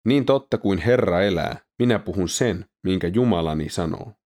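Defiant ancient prophet, solemn and declaiming, read by a male narrator, very low pitch. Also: expressive, a little mellow.

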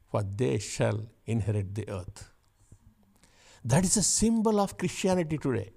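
A man preaching a sermon, shifting from chatty asides with the congregation to loud, emphatic repeated declarations. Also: on the high side. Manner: builds to loud emphatic repetition; conversational asides with laughs.

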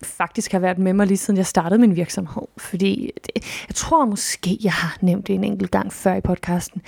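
A woman hosts her own podcast, talking casually and expressively, often restarting thoughts and sometimes swooping upward. Her voice sits at an everyday middle pitch. The sound is dry and close, with no room echo. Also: creaky, darkish tone. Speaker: podcast host. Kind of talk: casual solo podcast monologue.

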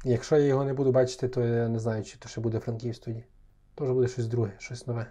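A man trades dry jokes on a podcast. His voice is warm and mellow, and his absurd stories come out perfectly straight-faced. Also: medium pitch, racing. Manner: dry, deadpan jokester, spinning absurd tall tales. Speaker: podcast co-host. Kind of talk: casual joking chat.

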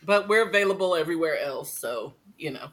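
A woman's voice: deep voice, animated, a little fast, fairly bright tone. A woman in her fifties co-hosting a podcast, chatting casually and often stopping to restart her sentences. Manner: rambling, self-interrupting, chatty. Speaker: podcast co-host. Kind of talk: casual chat.

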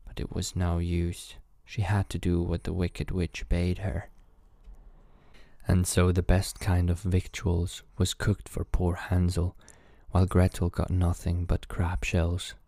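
A man reading a fairy tale aloud as a bedtime story, calm and measured. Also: deep voice, no echo.

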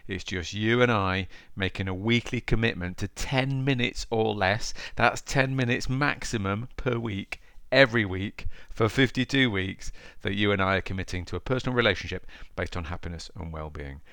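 The recording is dry and studio quality, carrying a fairly low, smooth and slightly bright voice that moves at a moderate pace with hardly any pauses. It belongs to a Derby-born podcast host with an East Midlands accent, who chats informally and directly to the listener as he talks and reads a story alone.

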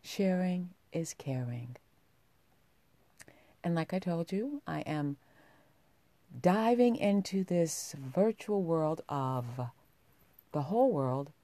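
A woman's voice: lowish voice, animated, slow, pauses often, warm tone, no room sound. A woman with a sultry voice hosting a podcast, speaking intimately and directly to her listeners. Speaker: podcast host.

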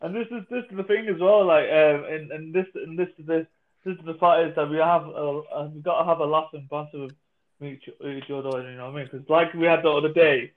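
A man chats casually in a fairly high male voice. He rambles, repeats himself and swears freely. The sound is thin and narrow, like a phone or online call. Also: fairly even intonation, brisk. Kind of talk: casual group chat.

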